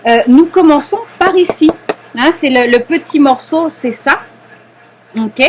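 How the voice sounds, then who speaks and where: A young adult woman with a French accent, patiently explaining a knitting lesson step by step, often pausing and checking in with her students. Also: high-pitched. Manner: patient, explanatory, frequent hesitations and checks "d'accord?". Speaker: knitting teacher. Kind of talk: live online knitting lesson.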